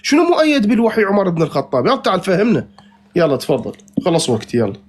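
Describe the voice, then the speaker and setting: A man's voice: sits high, huge pitch swings, rapid-fire. A man in a heated online debate, insistent and repeating his challenges.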